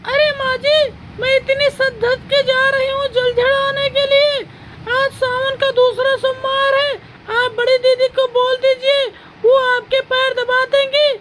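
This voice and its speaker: A defiant young daughter-in-law in a cartoon comedy, played by a woman pleads and argues in a very high, tearful voice with little melody. A loud noise runs behind her. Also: flat delivery, unhurried. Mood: protesting. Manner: pleading, arguing back. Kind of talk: cartoon voice acting.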